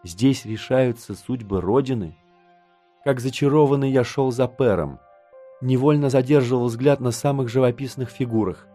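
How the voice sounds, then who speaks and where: A man narrating an audiobook in the first person, in a measured storytelling way. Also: mid-range voice, dark tone, soft background music.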